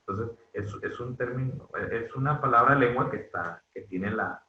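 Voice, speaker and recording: A man from northwestern Mexico giving an online university class, halting with fillers and restarts and often checking in with his students. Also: medium pitch. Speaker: university lecturer. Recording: dull echoey lo-fi room sound.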